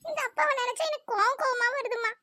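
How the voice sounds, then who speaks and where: A woman's voice: extremely high pitch, quick pace, sharp tone, no echo, studio quality, pitched above the performer's own voice. A woman voicing an upset young daughter in a cartoon, speaking in a whiny tone. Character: tearful young daughter, upset with her father.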